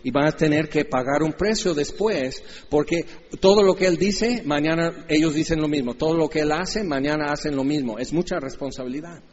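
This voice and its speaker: A man in his fifties with a Mexican Spanish accent, preaching a lively, jokey sermon and acting out Bible characters in different voices. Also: fairly high pitch, moderate pace, few pauses, in a large hall, lo-fi sound. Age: 50s. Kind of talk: animated sermon with acted-out voices.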